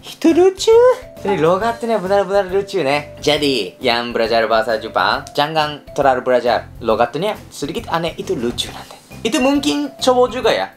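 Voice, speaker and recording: A young man from Kansai in Japan with a Japanese accent, chatting playfully to camera and slipping in Japanese particles. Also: on the high side. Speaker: vlogger. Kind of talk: casual chat to camera.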